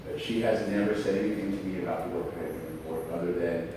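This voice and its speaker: Deep-voiced man speaking in an echoey hall. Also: steady tone. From Austin, Texas. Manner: earnest, halting, many fillers. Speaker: school board trustee. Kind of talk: public forum remarks. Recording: echoey hall, mic far off, background noise.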